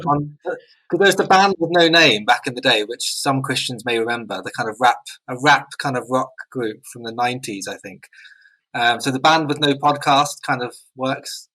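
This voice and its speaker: A man's voice: mid-range voice, fairly bright tone, low-quality recording. A man co-hosting a casual podcast chat, making wry joking asides. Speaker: podcast co-host.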